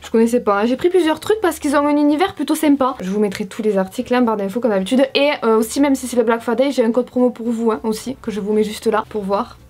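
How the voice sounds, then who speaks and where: Bubbly high-voiced young French woman. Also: fast, hardly any pauses, darkish tone. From France. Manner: bubbly, chatty, playful asides. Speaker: beauty vlogger. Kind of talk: casual haul vlog.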